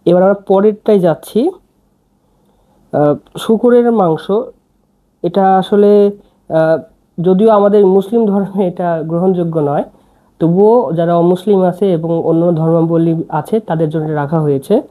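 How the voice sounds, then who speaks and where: A very dark, mellow voice gives a slow, patient language lesson. Words come letter by letter and each phrase is said again and again. The pace is unhurried throughout, with steady repetition. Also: mid-range voice. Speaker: language teacher.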